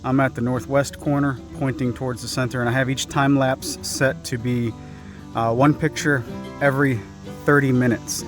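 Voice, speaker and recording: A man's voice: medium pitch, flat delivery, moderate pace, music in the background. A man vlogging outdoors while working his land, chatty and self-deprecating, thinking aloud as he goes. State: slightly out of breath. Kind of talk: casual vlog talk to camera. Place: outdoors on a wooded clearing.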